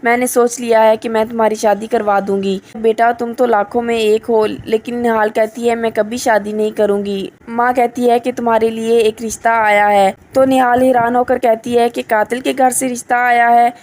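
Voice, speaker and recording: A woman's voice: fairly high pitch, few pauses. A woman narrating a recap of a TV drama episode as a reviewer, steadily retelling what each character says. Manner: steady retelling of dialogue in reported speech.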